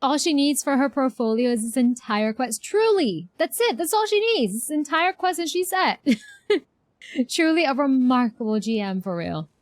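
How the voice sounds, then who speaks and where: This game livestreamer's high voice has lively intonation as she reacts to a quest. She talks casually and exclamatorily with her viewers at a moderate pace, with no room sound in the recording.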